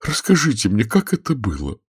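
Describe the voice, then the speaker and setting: A man voicing a fretful, hungry middle-aged woman in a pleading falsetto. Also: wildly swooping pitch, a little fast, husky, full character voice. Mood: hushed.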